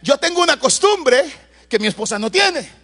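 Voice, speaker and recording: A man with a notably high voice delivers a sermon in a church. He preaches in an animated way, with loud bursts and asides to the congregation as he tells family stories. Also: moderate pace. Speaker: pastor.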